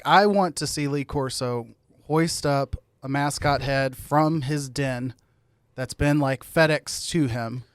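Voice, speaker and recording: A man's voice: mid-range voice, clean tone, no room sound, studio quality. An American man co-hosting a sports podcast in casual conversation.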